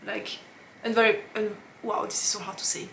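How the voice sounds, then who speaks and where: A woman with a French accent, a knitting podcast host chatting casually, laughing often and pausing with fillers as she searches for English words. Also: mid-range voice, level tone, vocal fry, sharp tone, a little hiss or hum. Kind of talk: casual chat to camera.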